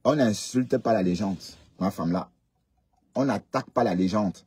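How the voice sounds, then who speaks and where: A man's voice: fairly low pitch, moderate pace, mellow, slightly rough, dry recording. A man hosting a live stream, chatting casually and lecturing his commenters. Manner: chatty, scolding, addresses commenters directly.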